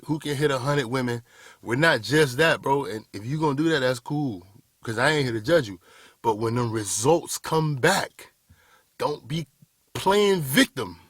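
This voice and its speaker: A motivational speaker in his 30s delivers a blunt, preachy talk into a camera mic, addressing viewers as "y'all boys." His voice is a little high, a bit bright and slightly rough. The sound is studio quality, with no echo.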